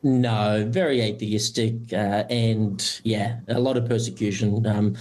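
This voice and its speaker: A middle-aged man from Romania, a church administrator and pastor, giving steady interview answers. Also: fairly low pitch. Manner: measured, steady answers with occasional "uh" fillers.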